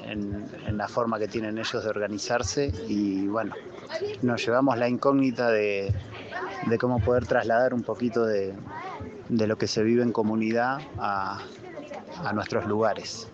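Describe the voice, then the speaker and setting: A man with an Argentine accent speaking hesitantly, with many restarts, at an outdoor community gathering. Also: on the low side. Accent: Argentine Spanish. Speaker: event participant. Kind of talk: vox-pop interview. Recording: lo-fi outdoor field recording with crowd.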